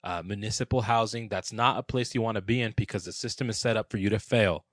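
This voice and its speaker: Lower-voiced guy explaining stuff earnestly, dry close sound. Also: quick pace, no room sound. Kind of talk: casual chat.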